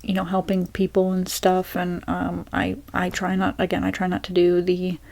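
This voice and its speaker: A young woman, an ASMR creator, talking softly and rambling through a Q&A with many fillers and restarts. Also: on the low side, completely flat delivery, normal speed, gravelly, a little hiss or hum. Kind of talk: soft-spoken rambling Q&A.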